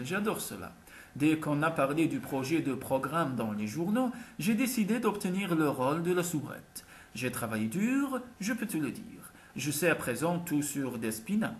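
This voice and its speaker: A man reading an audiobook, voicing a confident, teasing young woman singer who is set on getting what she wants. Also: sits low. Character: self-assured ambitious young woman singer. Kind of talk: audiobook character voice.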